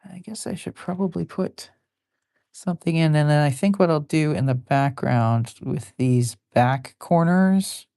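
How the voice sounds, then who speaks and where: A woman with a very low, warm voice talks in a rambling, easygoing way as she draws live, poking fun at her own work and filling pauses with ums. The sound is dry and close, with no room around it. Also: vocal fry, dry recording. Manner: rambling and self-deprecating, with many fillers. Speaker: artist drawing on a live stream. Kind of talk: casual chat while drawing.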